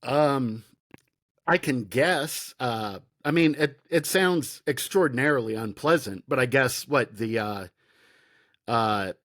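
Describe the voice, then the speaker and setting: A man co-hosting a comedy podcast, reacting in a halting way and laughing often. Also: mid-range voice, a bit bright, no room sound, clean studio sound. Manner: halting, lots of fillers and restarts, laughs easily. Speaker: podcast co-host. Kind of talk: casual comedic chat.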